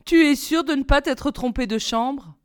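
A woman reading aloud, voicing a feisty, impatient young girl who scolds and urges in a sharp, raised voice. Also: high-pitched, moderate pace, pitched above the performer's own voice, lightly acted. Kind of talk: storybook reading.

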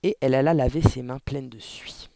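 A man reading a children's novel aloud in an expressive, theatrical storytelling style. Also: medium pitch, fairly quick, gravelly, dry recording. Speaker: audiobook reader.

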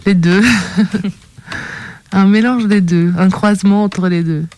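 A woman's voice: mid-range voice, fairly even intonation, measured pace, darkish tone, clean tone. A woman writer as a radio guest, giving short thoughtful answers with hesitant fillers. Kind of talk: casual radio interview.

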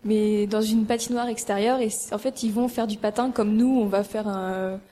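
A woman's voice: mid-range voice, fairly even intonation, normal speed, dark tone. A woman interviewing classmates on live school radio, hesitant and full of fillers.

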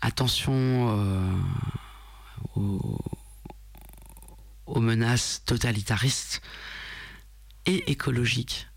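Man, gravelly, hesitant talker, dry close sound. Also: mid-range voice, very slow, long pauses, no room sound. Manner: hesitant, thoughtful, with fillers. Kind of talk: casual discussion.

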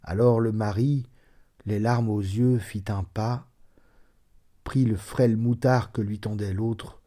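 A man reading a classic short story aloud in a measured, dramatic way. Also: on the low side, steady tone, warm tone. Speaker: reader.

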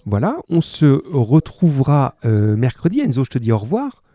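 Lively man teaching over radio. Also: medium pitch, moderate pace. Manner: lively, chatty, explains as he reads. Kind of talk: radio class reading aloud to pupils.

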